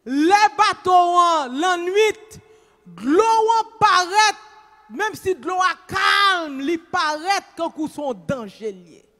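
Haitian woman preacher, very high voice, slow emphatic delivery, echoing church hall. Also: expressive, soft background music. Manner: emphatic, shouting, switches between Creole and English. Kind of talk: sermon. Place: church stage, indoors. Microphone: handheld mic. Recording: long reverb in church hall.

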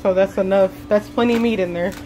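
A woman of middling pitch talks viewers through a recipe in a home kitchen. She keeps it chatty and casual. Faint music plays behind her. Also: steady tone, fast, low-quality recording. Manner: chatty, explaining, addresses viewers as you guys. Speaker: vlog host. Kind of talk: casual cooking demonstration.

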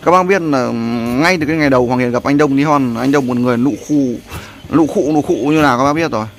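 A man hosts a countryside vlog in a loose, rambling way, repeating himself as he coaches a friend at the cooking. His voice sits at an ordinary middle pitch. A faint hiss runs under the outdoor recording. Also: fast. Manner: rambling, repeats "there" often, coaching someone. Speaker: vlogger. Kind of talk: casual vlog narration and instructions.

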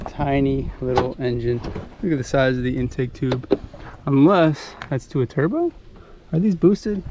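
A man's voice: mid-range voice, background noise. A young man with a Midwestern American accent, casually commenting to himself as he films cars in an outdoor junkyard. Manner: offhand, muttering car names to himself. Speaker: car vlogger. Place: outdoor junkyard, later inside a car. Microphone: handheld action camera.

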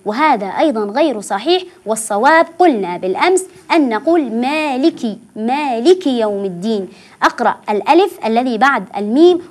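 A high-voiced woman teaches children Quran recitation in a TV studio. She speaks patiently, stretching words slowly and repeating each syllable so the children can copy her. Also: darkish tone.

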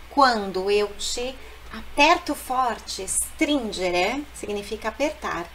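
A woman teaching a language lesson, explaining phrases patiently and repeating them slowly. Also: on the high side, slight background noise, low-quality recording. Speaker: Italian teacher.

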